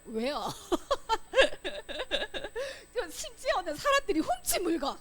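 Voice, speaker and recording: Lively high-pitched woman teaching children. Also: brisk. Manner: animated, acts out quoted voices, asks the children questions. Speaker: Sunday school teacher. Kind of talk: Bible lesson for children.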